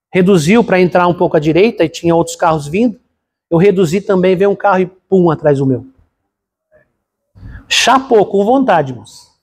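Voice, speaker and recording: Husky high-voiced Brazilian pastor preaching. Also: male voice, darkish tone. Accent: Brazilian Portuguese. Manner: conversational, addresses congregation as brothers. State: congested from a cold. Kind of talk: sermon with personal story.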